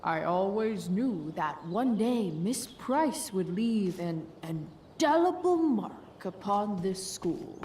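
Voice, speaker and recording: A woman's voice: medium pitch, very animated, slow, mellow. A woman voicing a pompous school official in a video game, in a theatrical, mocking drawl. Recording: echoey, distant, slightly noisy.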